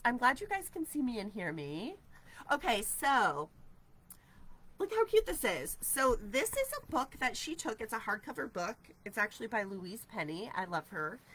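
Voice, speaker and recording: The recording is low quality, catching a woman's high-leaning, sharp-toned voice through a camera at desk distance. She's in her forties, from New Hampshire, USA, and upbeat despite a stuffy head cold, answering viewer comments during casual craft livestream chat in a studio with shelves of ribbon.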